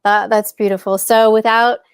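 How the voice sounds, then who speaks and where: A woman's voice: mid-range voice, level tone, normal speed, clean tone, no echo. A woman hosting a live-streamed podcast conference, welcoming viewers with enthusiasm and greeting them by name. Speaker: podcast host.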